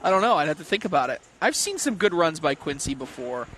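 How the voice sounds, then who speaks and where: A man's voice: fairly high pitch, big pitch swings, fast, a bit bright. A man commenting on a cornhole tournament from a booth, analytical and bantering with his co-host. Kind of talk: casual sports commentary.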